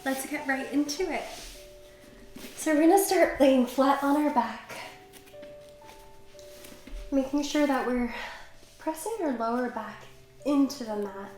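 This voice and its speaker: Guiding a Pilates session while exercising alongside, this young instructor speaks on the high side and sounds slightly stuffy from a cold. Her manner is calm and encouraging, heard in a very echoey space with faint noise behind her.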